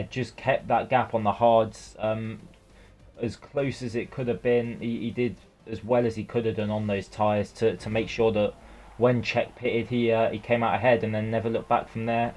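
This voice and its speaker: A man's voice: fairly low pitch, darkish tone. A man giving casual post-race analysis, hesitant and full of fillers. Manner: halting, full of ums and restarts. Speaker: co-commentator.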